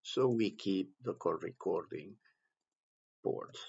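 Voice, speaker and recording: A man with a low, very gravelly voice guides listeners through a software task in a step-by-step screen tutorial. Like an instructor, he speaks in short, halting phrases, and the recording sounds somewhat dull and lo-fi.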